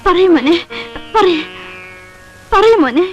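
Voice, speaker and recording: An actress playing a mother softly coaxing her little son in old film dialogue. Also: extremely high pitch, animated, takes it slowly, soft background music, full character voice. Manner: soft, coaxing. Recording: dull lo-fi film soundtrack.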